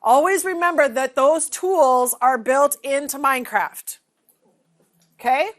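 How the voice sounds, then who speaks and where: In a large training room, a teacher trainer in her forties runs a hands-on classroom demonstration, quizzing the room and checking in with "okay?". Her high voice is fairly bright and unhurried.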